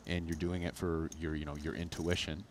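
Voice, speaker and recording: A man's voice: extremely low pitch, level tone, brisk. A man giving casual, analytical poker commentary as a player, in loose, conversational, hedging phrases. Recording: noticeable background noise.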